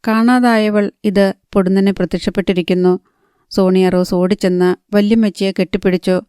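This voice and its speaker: A woman narrating a novel in a calm, even storytelling manner. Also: mid-range voice, moderate pace, clean tone, no room sound, studio quality. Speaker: audiobook narrator.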